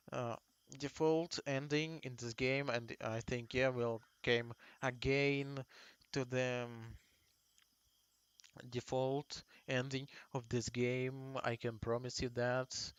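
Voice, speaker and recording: Young man, halting game talk. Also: mid-range voice, smooth. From Russia. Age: 20s. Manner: halting, with restarts and fillers. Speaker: gaming video host. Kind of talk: casual game commentary and reading a visual novel aloud. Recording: music playing behind the voice.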